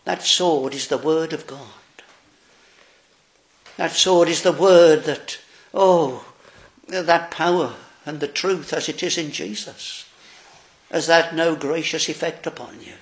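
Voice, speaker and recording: A man preaching a sermon, slow, solemn and earnest. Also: fairly high pitch.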